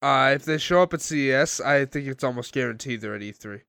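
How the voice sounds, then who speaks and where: A man co-hosting a casual podcast chat, matter-of-fact and quick. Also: medium pitch, pushed and bright, clean tone, no room sound. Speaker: podcast co-host.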